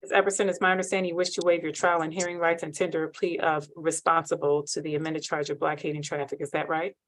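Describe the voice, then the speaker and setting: A female judge with a deep voice speeds through a court proceeding, captured on a low-quality courtroom recording. Her tone stays level as she reads the fixed procedure from memory in a crisp, formal manner.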